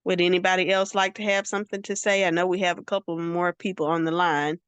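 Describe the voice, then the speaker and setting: A woman, a minister and counselor, hosts a Q&A and gives steady, encouraging advice. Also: fairly low pitch, quick pace, clean tone, dry recording. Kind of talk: counseling Q&A talk.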